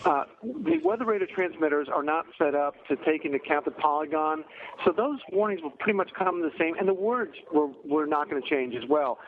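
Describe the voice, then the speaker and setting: A man's voice: on the high side, expressive, brisk. A man who runs a local weather office, heard over the phone, patiently explaining in plain terms. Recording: tinny phone line with faint hiss.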